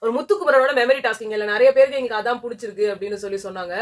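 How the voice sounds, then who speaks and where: Fast, bright-voiced woman reviewer. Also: a little high. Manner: animated, mocking, talks over her co-host. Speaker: reality show reviewer. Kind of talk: casual chat reviewing a show promo.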